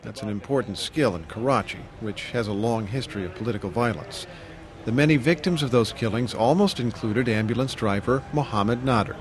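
A man with an American accent narrating a scripted news documentary in short, deliberate sentences. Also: mid-range voice. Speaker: radio reporter and narrator.

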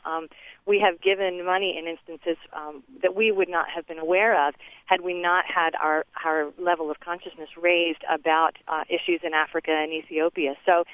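A woman's voice: on the low side, dry recording. A woman calling in to a radio show over the phone, speaking earnestly with many ums and uhs. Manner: earnest, lots of um and uh fillers. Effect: phone line call into a radio show. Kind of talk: call-in talk on a radio show. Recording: tinny dry phone line.

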